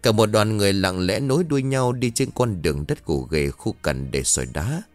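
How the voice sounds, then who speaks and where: A man with a fairly low voice reads a ghost story aloud with dramatic, lively expression, his pitch rising and falling freely. Faint music sits under his narration. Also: brisk, no echo.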